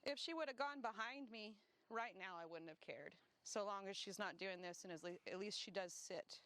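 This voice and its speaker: A woman dog trainer talking casually as she walks outdoors, explaining each step and breaking off to give quick praise and corrections. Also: mid-range voice, a bit bright, no echo. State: slightly winded from walking. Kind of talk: casual instructional talk while walking a dog. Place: outdoors on grass.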